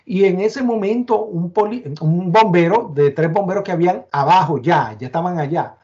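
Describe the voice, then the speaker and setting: A man's voice: high-pitched, darkish tone, muffled recording. A man from Puerto Rico with a Puerto Rican accent, giving an emotional first-person account as an interview guest, often stumbling over and repeating his words. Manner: halting, repeats and restarts words under emotion.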